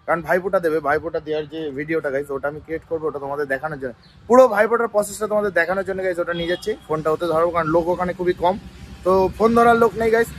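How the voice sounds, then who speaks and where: Young male vlogger, hoarse from a cold, rattles along at breakneck speed in a slightly high voice, chatty to camera. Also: very fast, slight background noise. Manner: chatty, keeps talking straight to viewers. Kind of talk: casual daily vlog. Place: at home, indoors.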